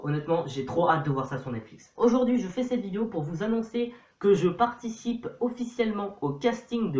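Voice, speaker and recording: A man's voice: a little high, darkish tone, muffled recording. Chatty young man in an echoey room. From Portuguese-Brazilian family background. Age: young adult. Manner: chatty, playful self-mocking irony. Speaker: youtuber. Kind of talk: casual vlog to camera.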